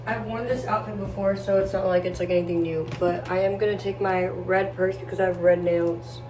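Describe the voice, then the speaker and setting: A woman's voice: fairly low pitch, fairly even intonation, a little fast. A young woman chatting casually to camera in a rambling, slangy, girly way as she vlogs indoors. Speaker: lifestyle vlogger. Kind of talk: casual get-ready-with-me chat to camera. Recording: roomy, distant mic, faint background noise.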